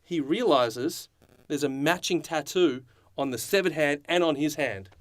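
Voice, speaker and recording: A man's voice: a little high, a little slow, dry recording. Dry-voiced New man spinning a bit. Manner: deadpan storyteller, builds absurd plot. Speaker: podcast co-host. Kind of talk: improvised comedy chat.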